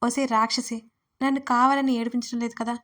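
Whiny young woman friend, quick to tears, pitched a little high, read by a woman. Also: flat delivery, fairly bright tone, lightly acted. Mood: pleading. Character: young woman friend, tearful and easily teased.

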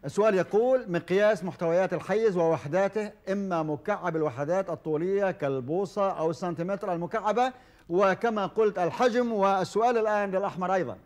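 Fast-talking formal quiz show host, a man. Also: high voice, a little mellow, faint music behind. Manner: formal and measured, with frequent "ah" fillers. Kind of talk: hosting a televised quiz show. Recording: old television broadcast recording.

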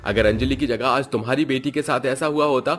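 A man voicing a young caring husband in an animated story, speaking in a raised, pleading tone. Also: high voice, normal speed, faint music behind, voice pushed up. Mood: angry. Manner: gentle, pleading, later angry.

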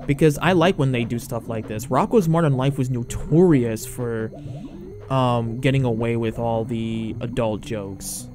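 A man of middle pitch talks through a video game while playing, rambling, stopping to restart his sentences and padding them with fillers. Faint game music plays underneath. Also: a little slow. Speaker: let's play host. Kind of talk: casual gameplay commentary.

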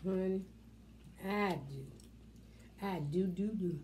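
A low-voiced woman chats slowly and playfully while her mouth is full of food, humming as she eats. Her tone is dark and mellow, with a faint hiss of room noise behind her. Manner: playful teasing, lots of savoring hums. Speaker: mukbang host. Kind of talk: casual chat while eating.

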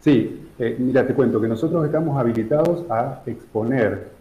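A middle-aged man from San Juan, Argentina, explaining his charity's work in a remote news interview, measured and full of fillers. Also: mid-range voice. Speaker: charity director guest. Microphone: video call. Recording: echoey room, dull video-call audio.

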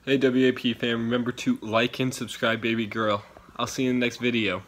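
A young man vlogging casually from his bedroom into a phone held at arm's length, laid-back and trailing off quietly. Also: medium pitch, flat delivery, fairly quick. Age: young adult. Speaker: vlog channel member. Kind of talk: casual vlog. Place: bedroom, indoors.

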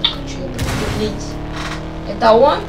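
A young woman plays a game while talking casually on a voice call, rambling and repeating the same questions over and over. Her voice sits low and is very animated, at normal speed, against heavy background noise.

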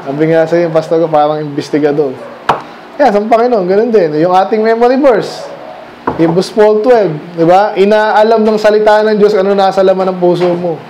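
Speaking at a moderate pace in a high voice, a Filipino pastor gives a conversational sermon during a Sunday night church service. He fires rhetorical questions at the congregation and switches between Tagalog and English, over a noisy background.

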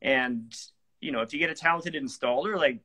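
A man's voice: medium pitch, brisk, sharp tone. A middle-aged man hosting a renovation talk show, chatting agreeably with his guest over a video call. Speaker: show host, renovation company. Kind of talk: casual interview talk. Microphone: video call webcam.

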